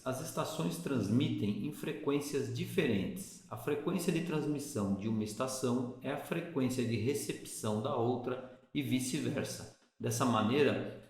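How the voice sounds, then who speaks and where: A man with a Brazilian accent and a mid-pitched voice teaches in a didactic, orderly manner. He lays out each point methodically, as an instructor does. The recording is strongly reverberant, with heavy room echo around the voice. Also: a little mellow. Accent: Brazilian Portuguese. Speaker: boating instructor. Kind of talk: explanatory lesson with exam questions.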